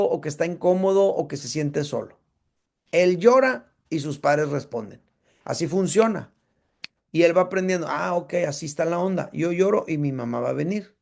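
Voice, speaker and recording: A man's voice: high-pitched, vocal fry, a little mellow. A man teaching a casual Bible class, talking conversationally and checking in with his listeners.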